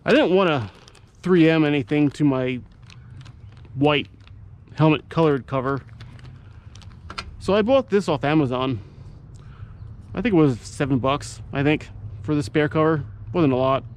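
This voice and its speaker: A man's voice: fairly high pitch, unhurried, pauses often, slight background noise. A man giving a casual how-to narration as a vlogger showing his gear. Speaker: motovlogger presenting his gear setup.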